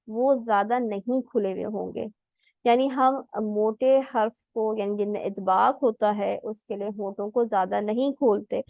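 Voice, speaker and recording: A woman's voice: a little high, darkish tone, no room sound. A woman teaching Quran recitation in an online class, explaining pronunciation patiently step by step and demonstrating the sounds herself.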